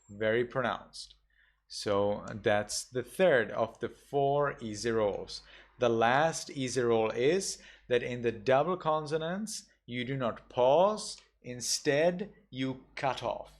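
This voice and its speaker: A man, a Buddhist monk, teaching a class, going slowly through pronunciation rules and carefully repeating each example word. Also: mid-range voice. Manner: slow, patient, repeats example words carefully. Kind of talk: online class instruction.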